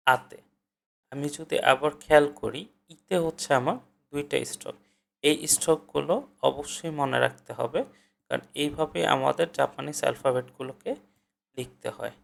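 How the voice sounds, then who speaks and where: Gravelly Bangladeshi man teaching step by step. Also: a little high, a bit bright. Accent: Bangladeshi Bengali. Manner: explains step by step, repeating syllables aloud. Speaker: language tutor. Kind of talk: screen-share tutorial.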